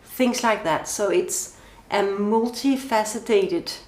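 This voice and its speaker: Her mid-range voice moves slowly as this Danish-accented guest from Denmark responds in a podcast interview. She comes across as thoughtful and lays out a series of questions. An echo fills the room around her.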